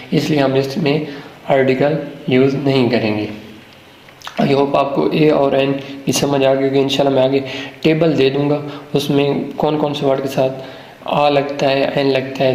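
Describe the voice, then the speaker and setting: A man teaches a grammar lesson at a middle pitch. He keeps asking the viewer questions and answering them himself, and he reads example sentences slowly, word by word. The room has a noticeable echo. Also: a little mellow, a little hiss or hum. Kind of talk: classroom-style grammar lesson. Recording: roomy, echoey room.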